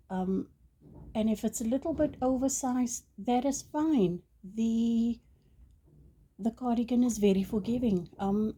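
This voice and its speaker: A fairly high, mellow, husky female voice belongs to a native Afrikaans speaker teaching crochet. She keeps it casual and chatty, full of ums and apologetic restarts, in the style of an informal tutorial.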